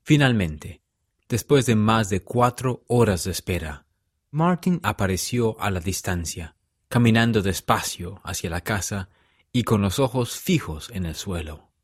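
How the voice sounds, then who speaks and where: A man narrating a story in a measured, solemn way. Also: fairly low pitch, animated, slightly rough, no echo, studio quality.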